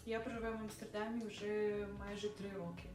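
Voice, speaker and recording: Soft-spoken woman, far from the mic. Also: mid-range voice, fairly even intonation, fairly quick. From Ukraine. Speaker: dancer, interviewee. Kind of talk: documentary interview. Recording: distant, echoey, with music.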